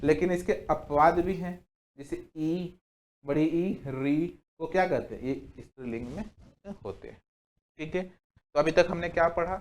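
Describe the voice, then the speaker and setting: A young man teaching a Hindi grammar lesson, asking questions and answering them himself, saying "okay" again and again, and listing examples slowly word by word. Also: on the high side. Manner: asks the class questions and answers them himself, repeats "ठीक है" often. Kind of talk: exam-prep grammar lesson.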